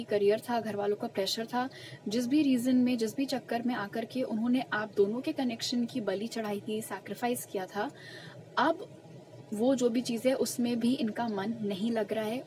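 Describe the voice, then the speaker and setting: A young woman with a fairly high, fairly even voice does a pick-a-card tarot reading, murmuring slow, soft questions as she shuffles. She explains each message earnestly and with emphasis, though the audio is poor.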